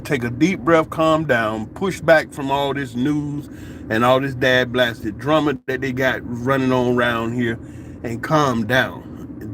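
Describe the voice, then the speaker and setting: A man's voice: mid-range voice, a little hiss or hum. A man vlogging a casual opinion monologue, telling stories animatedly in colloquial speech. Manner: animated storytelling, colloquial, laughing asides.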